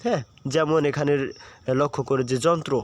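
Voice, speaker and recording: A man's voice: a little high, steady tone, a little fast. A man teaching an admission-prep lesson, patient and repeating key points while checking understanding. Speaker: admission tutor. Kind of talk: online exam-prep lesson.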